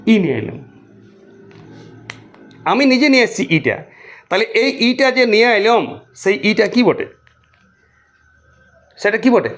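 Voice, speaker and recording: A man's voice: sits high, sing-song, unhurried, long pauses, a bit bright, soft background music. A man teaching a grammar lesson for exam students, talking to the listener in a colloquial, repetitive way with many rhetorical questions.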